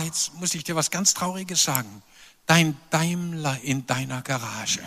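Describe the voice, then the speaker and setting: A man preaching a sermon, animated and emphatic, with playful asides to the congregation. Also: on the high side. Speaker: pastor. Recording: long reverb of a large hall.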